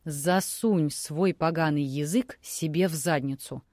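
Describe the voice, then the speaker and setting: A woman doing a hoarse, barking hungover man. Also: on the high side, measured pace, dry recording, clean studio sound, close to an everyday voice. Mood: furious. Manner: barking, shouting. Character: hungover angry middle-aged man, gruff.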